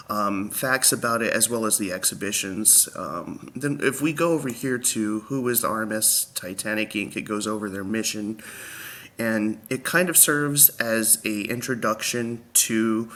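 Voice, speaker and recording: A man's voice: lowish voice, sharp tone. A young man who is out of breath and wheezy, walking through a website in a casual, hesitant way with many ums. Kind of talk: casual screen-share walkthrough.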